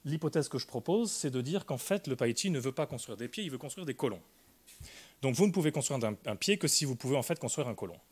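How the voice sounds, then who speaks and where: A man presents an academic talk in a careful, explanatory way. His voice sits at an ordinary middle pitch. He pauses often, filling gaps with hesitations and restarting phrases. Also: animated, a little mellow, husky. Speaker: linguistics lecturer.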